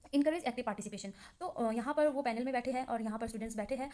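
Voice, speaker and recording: A woman's voice: fairly high pitch, mellow. A young woman, a trainee teacher, explaining exam notes in a casual lesson, chatty and full of fillers. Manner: chatty explaining with many fillers, reads English definitions slowly.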